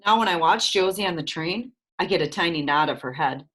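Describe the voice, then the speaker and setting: A woman narrating a children's storybook in an expressive, lively reading voice. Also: on the low side, fairly quick.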